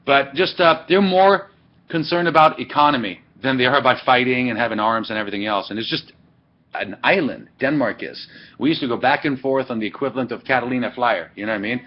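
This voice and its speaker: A Swedish teacher lectures a class at a fast clip, rambling, digressing, and correcting himself along the way. His voice is mid-range, captured as dull, lo-fi webcam audio.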